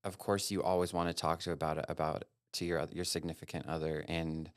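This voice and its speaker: A man from Wyoming speaks as an interview guest, candid and earnest, his thoughts running on in long strings. His voice sits low and comes through smooth and resonant. The sound is dry and close. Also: little pitch movement, fast, no echo. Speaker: guest, elopement photographer. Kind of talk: casual interview talk.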